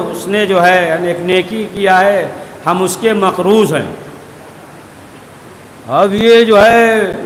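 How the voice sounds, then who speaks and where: High-voiced preacher in an echoey hall. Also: male voice, a bit bright. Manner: narrates a story with rhetorical tags and repeated filler phrases. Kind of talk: Urdu sermon storytelling. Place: large hall at a religious gathering. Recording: echoey hall with faint background noise.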